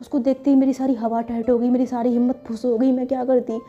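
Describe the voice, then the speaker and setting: A woman's voice: a little high, flat delivery, fast talker, close to an everyday voice. A stammering shy young woman, as a woman narrator voices her. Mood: nervous. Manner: stammering, hesitant. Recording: dull lo-fi with faint music.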